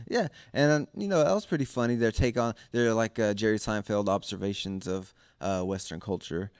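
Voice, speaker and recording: A man co-hosting casual comedic banter, halting and full of fillers and chuckles, into a handheld microphone. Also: fairly low pitch, a little mellow, smooth, no echo, clean studio sound. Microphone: handheld microphone with switch.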